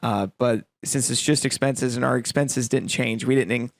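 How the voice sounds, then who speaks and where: A man co-hosting a casual podcast, his mid-pitched voice gravelly with vocal fry. He tells stories full of fillers and little acted-out quotes, and the sound is dry and close, with no room echo. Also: fairly even intonation, normal speed. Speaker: podcast co-host. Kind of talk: casual chat.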